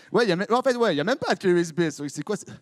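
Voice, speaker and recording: A young youth pastor with a Swiss French accent preaches to his congregation, tossing out jokes and playful asides as he quizzes them. His voice sits a little high for a man. The sound is close and dry, with almost no room echo. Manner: playful, jokey, quick asides to the crowd. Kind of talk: lively sermon with audience interaction. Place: church hall before a congregation.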